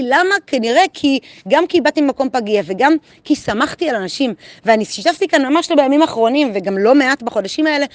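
Woman vlogger, raised pitch, dry close sound, candid chatty storyteller. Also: no room sound. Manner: frank, conversational, heavy filler words. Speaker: vlogger sharing a daily lesson. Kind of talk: candid personal storytelling to camera.

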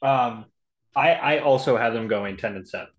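A man's voice: mid-range voice, moderate pace. Man rattling off football stats. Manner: rattles off stats, frequent ums and restarts. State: has the hiccups. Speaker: podcast co-host. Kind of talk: casual sports prediction talk.

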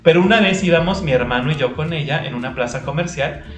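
A man's voice: on the high side, fast talker, fairly bright tone, reverberant. A man co-hosting a podcast, chatting casually and laughing often while he tells stories. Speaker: podcast co-host. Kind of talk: casual chat.

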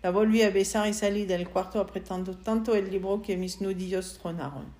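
A woman reading a novel aloud in first person, in a soft and subdued voice. Her pitch sits in the middle of the range, and she reads steadily, without theatrics. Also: fairly even intonation, fairly quick. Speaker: audiobook narrator. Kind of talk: first-person audiobook narration.

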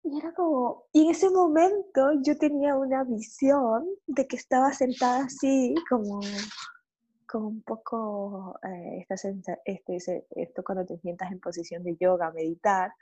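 Husky-voiced woman, animated storyteller, breaks into cries and laughs, sits a touch high. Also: normal speed, dull audio. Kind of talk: casual conversation.

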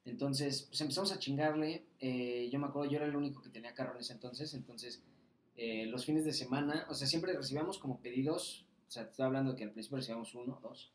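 A man's voice: medium pitch, fast. Slangy Mexican man telling a story, roomy sound. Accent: Mexican Spanish. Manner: slangy, swearing, animated anecdote with acted quotes. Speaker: podcast guest. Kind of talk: casual storytelling. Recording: roomy echo.

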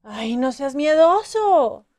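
A man voicing a spirited young princess who talks in a lively, teasing way. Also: very high voice, slow pace, pitched above the performer's own voice, exaggerated voice. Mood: eager.

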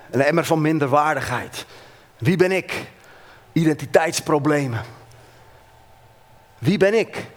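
A preacher with a somewhat high voice retells a Bible story. His storytelling is animated, and he slows down with dramatic pauses. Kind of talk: sermon.

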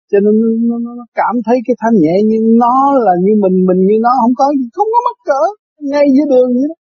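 An older man gives a chatty, story-filled dharma talk, laughing often. His voice sits fairly high and a little husky. The recording is dull and lo-fi, dry and close. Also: no room sound. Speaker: spiritual teacher.

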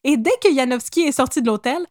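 A woman with a Québécois accent hosting a podcast, telling a history story in a casual, animated, joking way. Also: high-pitched, fast, no echo, clean studio sound. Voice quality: animated, jokey, laughs often.

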